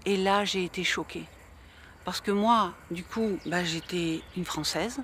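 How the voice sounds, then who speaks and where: A woman's voice: lowish voice, measured pace, fairly bright tone, a little hiss or hum. A woman giving a heartfelt interview testimony.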